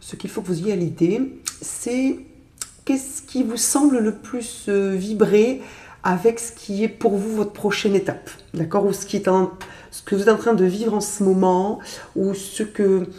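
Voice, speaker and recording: A woman with a cold talks through a tarot reading in a gentle, chatty manner. Her voice is mellow and soft, and it carries a roomy echo. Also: mid-range voice, fairly even intonation, unhurried. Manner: gentle, chatty, with many fillers. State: stuffy with a cold. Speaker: tarot reader. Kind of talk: casual tarot reading to camera.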